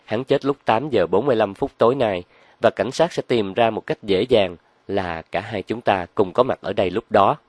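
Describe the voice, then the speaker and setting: A man reading a crime novel aloud as narrator, in a measured storytelling manner. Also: fairly low pitch, no room sound.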